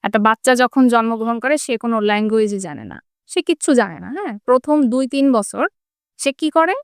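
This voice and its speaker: Smooth-voiced woman teacher. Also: a little high, lively intonation, a little fast, dry recording, clean studio sound. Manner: asks rhetorical questions, checks in with tag questions. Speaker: English teacher. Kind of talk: explanatory interview talk.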